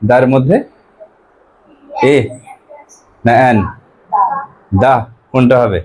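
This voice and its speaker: Steady and a little mellow, a mid-range male voice belongs to a teacher from West Bengal, India, giving an English grammar lesson. He quizzes the class, repeats their replies, and reads the English examples slowly.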